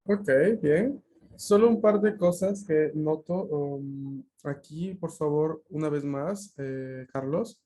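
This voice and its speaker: A man teaches an online language class, talking through pronunciation points patiently and often pausing on fillers. His voice is mellow and a little high for a man, heard over a video call. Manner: patient, explanatory, frequent fillers.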